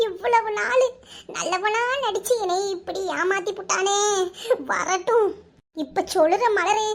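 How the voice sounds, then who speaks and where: A betrayed village wife wails and rants in a piercing, very high cartoon voice, as a woman acts her out. She speaks with a Kanyakumari Tamil accent and pours out her grievances in broad, melodramatic lament. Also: a little slow, vocal fry, heavily acted. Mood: vengeful. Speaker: voice actor. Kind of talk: cartoon voice acting.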